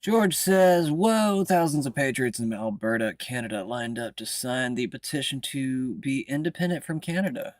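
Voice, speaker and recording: A man's voice: mid-range voice, normal speed, hardly any pauses, dry recording. A man in political commentary, reading out posts and reacting with offhand, sarcastic asides.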